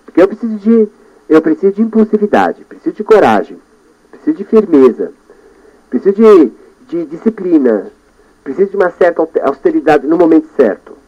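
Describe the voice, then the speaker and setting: Animated male radio host, lo-fi. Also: a little high, fairly quick, slightly rough. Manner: animated, talks to himself, shifts between loud and soft. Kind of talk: radio monologue. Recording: dull lo-fi radio broadcast.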